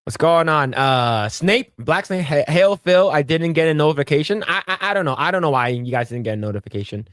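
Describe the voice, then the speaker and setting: A man's voice: a little high, a little fast, few pauses, smooth, no room sound, studio quality. A man hosting a casual solo livestream, swearing freely as he riffs on movies and answers his chat. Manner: animated, profane, riffing on movies and answering chat. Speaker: livestream host.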